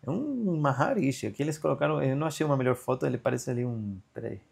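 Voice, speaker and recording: A man teaches a class over a video call. His voice is mid-pitched with a gravelly edge. He explains at length, full of fillers and quick checks to see whether students follow. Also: expressive, darkish tone. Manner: slow chanted recitation of a verse. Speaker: Sanskrit grammar teacher. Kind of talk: online class lecture.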